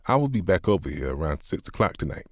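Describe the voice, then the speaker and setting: This is a seasoned pastor, patient and compassionate, who steers a hurting friend with firm words and wry, teasing questions, voiced by a man. His voice sits a touch higher than the narrator's and is recorded close and dry. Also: very animated, fast, gravelly, husky, no room sound, exaggerated voice. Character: patient older male pastor, gently sarcastic.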